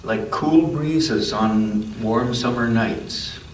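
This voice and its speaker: During story time at a church, a man of medium pitch reads a picture book to children, breaking in with asides and questions about what the pictures show. The roomy space sounds echoey, and the distant mic also catches background noise.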